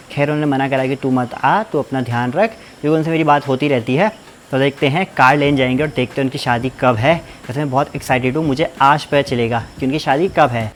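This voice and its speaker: A young man from Uttarakhand hosts a casual vlog, talking fast and rambling from one thing to the next. He is feverish, with a blocked ear. Faint background noise sits under his voice. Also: medium pitch. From Uttarakhand, India. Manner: chatty, rambling. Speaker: vlogger host.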